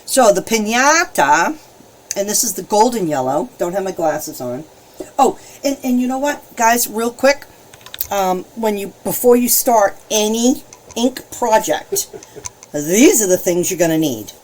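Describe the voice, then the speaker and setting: A bubbly, chatty woman hosts a live alcohol ink painting demo, greeting viewers and explaining her supplies with frequent laughter. Her middle-pitched voice is very animated, swinging widely up and down, and she speaks a little slowly.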